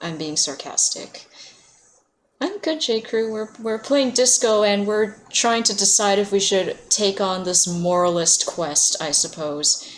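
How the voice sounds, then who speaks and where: A woman streamer talks casually over her gameplay, with a voice pitched right in the middle. She laughs often and greets her viewers by name. A faint hiss sits under her voice. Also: unhurried. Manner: chatty, laughs often, answers chat by name. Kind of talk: casual livestream chat while playing.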